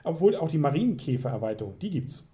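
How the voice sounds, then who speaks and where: A man's voice: a little high, fast. A man hosting a board game podcast, chatting casually as he works through a list of new games. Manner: relaxed, going through a list of publishers. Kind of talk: casual chat.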